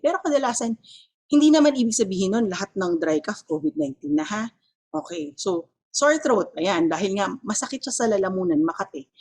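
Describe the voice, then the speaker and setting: A woman's voice: medium pitch, slightly rough. A woman with a Filipino accent giving an explanatory health talk, mixing Filipino and English and often checking in with her listeners. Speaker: health educator.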